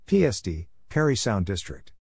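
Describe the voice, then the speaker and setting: A Morse code practice instructor gives a scripted read-out of spelled codes and place names, spelling letter by letter in short, isolated phrases. His voice is on the low side, sing-song, gravelly and a bit breathy, at a moderate pace.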